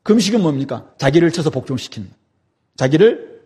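A man's voice: on the high side, sing-song, a little fast, darkish tone, slightly rough. A man preaching an expository sermon, emphatic and dramatic, asking rhetorical questions. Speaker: pastor.

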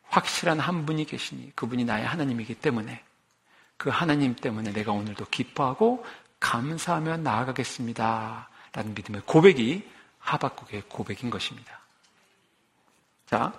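Animated Korean man preaching a sermon. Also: gravelly. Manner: animated, acts out quoted prayers with rising pitch and force. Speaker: pastor.

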